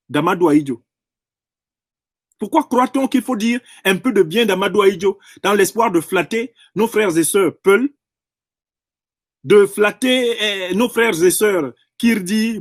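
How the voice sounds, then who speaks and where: A man's voice: sits high, no echo, clean studio sound. A man delivering an impassioned political monologue in French, emphatic and professorial, often repeating and rephrasing phrases to drive a point home. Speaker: political commentator.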